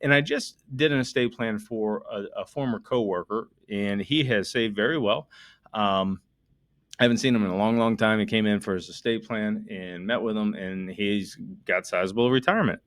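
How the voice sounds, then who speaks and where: A man's voice: on the low side, moderate pace, no echo, clean studio sound. A middle-aged American man, an estate planning attorney, explaining a topic to listeners in an emphatic monologue full of rhetorical questions. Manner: emphatic, talks directly to listeners; works through numbers out loud, rhetorical questions.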